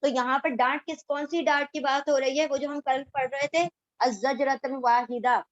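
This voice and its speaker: A woman's voice: high voice, steady tone, no room sound, lo-fi sound. Woman teaching Quran word by word. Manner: recites Arabic slowly, then explains in Urdu mixed with English words. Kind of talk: word-by-word Quran translation lesson.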